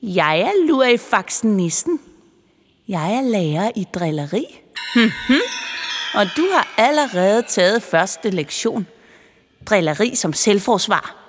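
A woman's voice: mid-range voice, big pitch swings, a little hiss or hum, natural voice. Woman doing a sly cackling Christmas elf. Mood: gleeful. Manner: gleeful, cackling, slow and drawn out. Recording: long reverb with music behind.

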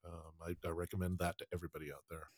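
A man's voice: low-pitched, flat delivery, very fast, no room sound, clean studio sound. A man hosting a casual podcast panel, talking with many ums and restarts. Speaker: podcast host.

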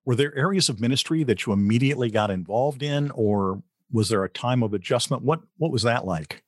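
A man's voice: medium pitch, a little fast, dry recording, clean studio sound. Man hosting an interview. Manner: affirming, asks open questions. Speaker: host.

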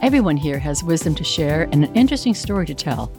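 Over music, a low-voiced woman talks fast with big swings in pitch. As host of a spiritual podcast and a reverend, she interviews her guest, introducing and questioning them in an enthusiastic, warm, effusive way.

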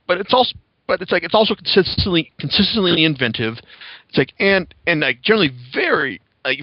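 On a slightly dull lo-fi recording with no room sound, a podcast host with a voice that's a little high chats casually. He reviews with rambling, profane enthusiasm.

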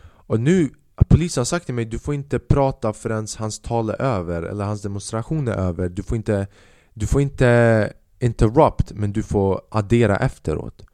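A young man telling a self-mocking story on his podcast, animated and swearing freely, dropping in English phrases. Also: lowish voice, no echo, studio quality. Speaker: podcast host. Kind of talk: casual storytelling monologue.

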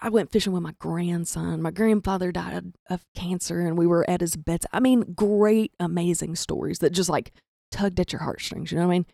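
Brisk and gravelly, her low, dark voice carries a comic story in which this young rural Southern comedian mocks herself and voices each character. It's a studio-quality recording with no echo.

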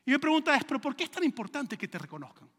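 High, bright-voiced male pastor preaching. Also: big pitch swings, racing, big-room sound. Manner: conversational preaching with retold dialogue and rhetorical questions. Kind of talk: sermon.

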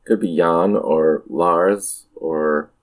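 A woman's voice: rumbling low, steady tone, extremely slow. A woman in a casual brainstorming chat, asking dry, steering questions.

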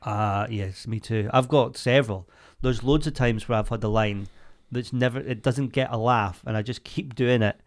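A man co-hosts a comedy podcast in a mid-pitched voice. His talk is casual and full of swearing. He slips readily into mock-exasperated ranting. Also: normal speed, hardly any pauses.

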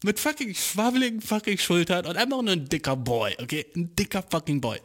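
A man's voice: high voice, lively intonation, brisk. A young man telling a story in a casual rant, heavy on slang and swearing, mocking the people in it and often cracking up. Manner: profane, slangy, mocking, breaks into laughter. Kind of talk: casual ranting anecdote.

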